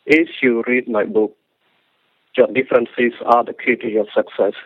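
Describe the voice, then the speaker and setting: A man's voice: medium pitch, fairly even intonation, slightly rough, no echo. A man from Cambodia, a book author, speaking with a Cambodian accent, answering an interview question earnestly with frequent restarts. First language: Khmer. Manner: earnest, halting with restarts and non-native grammar. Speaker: author, guest. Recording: phone-line dry sound.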